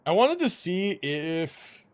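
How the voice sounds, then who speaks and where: This gaming livestream host has a high-sitting, sing-song male voice that is clear and resonant, and he talks slowly. His chat into the streaming microphone is casual and rambling, slangy, with occasional swearing.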